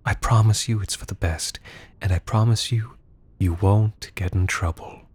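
A man voicing a commanding woman in her sixties who speaks in a soft, murmured, quietly menacing way. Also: lowish voice, normal speed, natural voice. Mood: menacing, coaxing. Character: commanding sixty-something woman, cold and manipulative.

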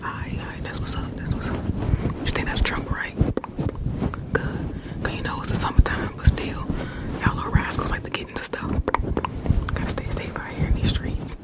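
A woman voicing a friendly, boastful streetwise uncle in an ASMR roleplay, whispering softly, with lots of slang and repeated words. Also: normal speed, pauses often, lightly acted, rough recording. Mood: playful whisper. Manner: soft whispering, repetitive, slangy. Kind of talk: ASMR roleplay, bug-searching.

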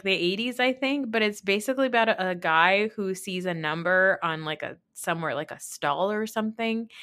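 This thirties-aged podcast host delivers casual, blunt, opinionated reality TV commentary, swearing plenty and retelling events emphatically. Her voice sits on the low side with a slight brightness, and she mimics people when quoting them.

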